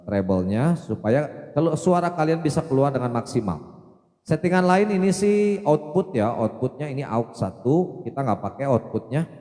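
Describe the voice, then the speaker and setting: A man's voice: medium pitch, warm tone. A man presenting an audio equipment tutorial, explaining mixer settings step by step and repeating test syllables into the microphone. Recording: long reverb from an effects unit.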